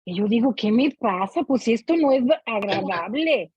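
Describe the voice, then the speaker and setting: In casual book commentary for her club, a middle-aged Mexican woman speaks at a normal pace in a slightly high, lively voice that's darkish and a bit rough. She's expressive and keeps seeking agreement, heard through muffled, echoey online meeting sound.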